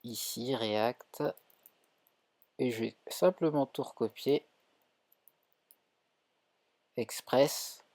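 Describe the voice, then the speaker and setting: French man, live coding lesson, unhurried, mellow tone, dry close sound, keyboard clicks. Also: mid-range voice, dry recording. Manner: thinks aloud with many fillers and self-corrections. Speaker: coding instructor streaming.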